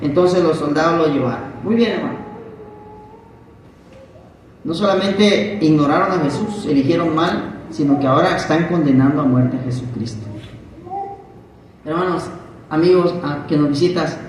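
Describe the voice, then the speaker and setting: Recorded from a distance in a very echoey church hall, a preacher leads Bible study, putting questions to the congregation and dramatizing quotes. He has a somewhat high voice, talks at normal speed with long pauses, and there is a little hiss or hum.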